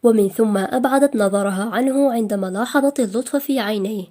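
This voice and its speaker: A woman reads a romance novel as an audiobook narrator. Her voice sits a little high, and her delivery stays steady and measured. The reading flows evenly from one line to the next. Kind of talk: scripted narration.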